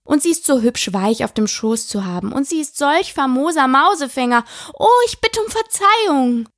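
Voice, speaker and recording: A woman's voice: sits high, normal speed, dry recording, studio quality, pitched above the performer's own voice. A woman voicing a polite, curious young girl who chatters eagerly and apologizes often.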